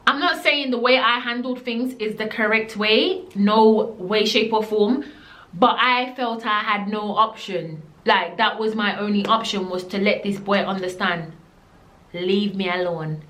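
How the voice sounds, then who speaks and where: Unhurried and fairly bright, her mid-range voice keeps a fairly even intonation in a reverberant space. The young Jamaican vlogger, who lives in the UK, tells a storytime straight to camera, blunt and emphatic, with patois slipping in.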